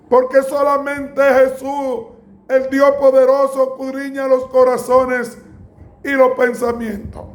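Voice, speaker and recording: A man delivers a sermon in a very high, flat-toned voice. He speaks slowly and deliberately, and now and then he breaks into a shout. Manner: slow, emphatic preaching with bursts of shouting. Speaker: preacher.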